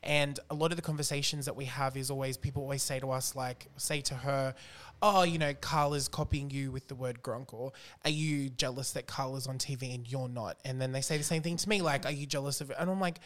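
A man's voice: mid-range voice, steady tone, a little fast, fairly bright tone. A man hosting a podcast, chatting emphatically and swearing often. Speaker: podcast host. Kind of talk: casual chat.

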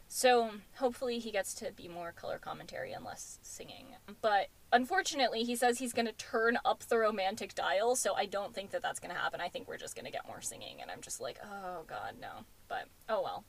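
A woman's voice: mid-range voice, lively intonation, brisk, gravelly, few pauses, rough recording. A woman co-hosting a podcast, recapping a reality dating show in casual chat full of fillers. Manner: chatty, many fillers like "um" and "like". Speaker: podcast co-host.

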